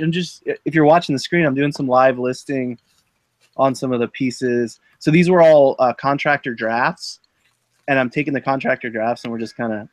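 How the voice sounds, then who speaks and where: A man's voice: mid-range voice, no room sound. Rambling man telling stories on a live stream. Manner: rambling storyteller, full of "like" and restarts. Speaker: host of a live eBay listing stream. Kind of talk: casual live-stream chat.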